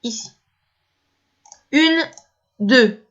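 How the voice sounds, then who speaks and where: A woman's voice: fairly high pitch, very slow, a bit bright, lo-fi sound. A woman teaching video editing step by step, hesitant and repeating herself as she talks through each click. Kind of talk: screen-recorded editing tutorial.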